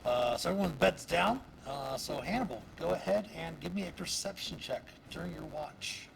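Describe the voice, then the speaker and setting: A man narrating as dungeon master of a tabletop game, halting with many fillers. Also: a little high, expressive, creaky. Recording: noisy stream audio.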